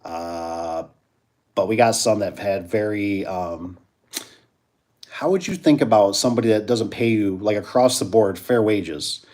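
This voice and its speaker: A man's voice: on the low side, unhurried, a little mellow. A man chatting casually as host of a live stream, rambling and repeating himself while reacting to viewers.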